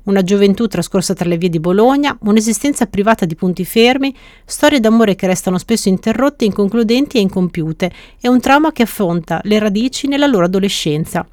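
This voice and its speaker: A woman hosting a book podcast, presenting each book in a brisk, scripted, clearly articulated way. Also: medium pitch, animated, a little mellow, no room sound, clean studio sound.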